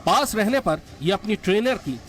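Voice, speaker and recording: A man's voice: high voice, expressive, moderate pace, slight background noise. A man reading scripted documentary narration as the narrator. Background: music.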